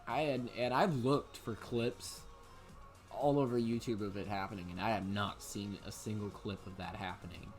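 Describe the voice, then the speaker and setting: A man's voice: lowish voice, fairly even intonation, moderate pace, soft background music. A young man rambling casually over gameplay, full of fillers and restarts. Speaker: let's play commentator.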